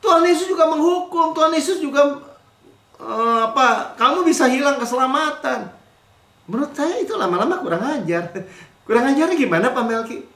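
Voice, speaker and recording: A man preaches in a church, his voice high and full of swooping, lively pitch. He jumps from loud mocking impressions of grumblers to quiet, almost offhand asides. The room gives his voice a clear, roomy echo. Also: moderate pace. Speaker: pastor. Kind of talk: sermon.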